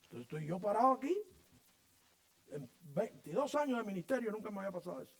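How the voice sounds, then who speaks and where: A middle-aged man preaching a sermon as pastor of a church, his voice high and swinging widely up and down. He tells stories with animated energy, acting out the voices and sounds of the people in them. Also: fast talker.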